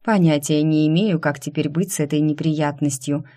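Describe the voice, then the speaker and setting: A woman voicing a brash, sharp-tongued young woman heroine in an audiobook, snapping loudly and indignantly. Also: low voice, fairly even intonation, lightly acted. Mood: weary. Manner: loud, indignant, quick to snap. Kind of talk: audiobook character voice.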